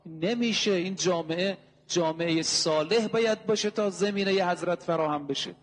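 A man preaching a sermon, driving his points home with rhetorical questions and repeated, emphatic lists. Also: high-pitched. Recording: long hall reverb.

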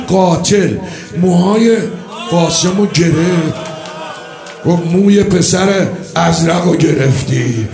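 A man preacher delivering a mourning sermon, swinging between chatty asides and shouted, sung lament. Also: high-pitched. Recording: echoey hall with faint music.

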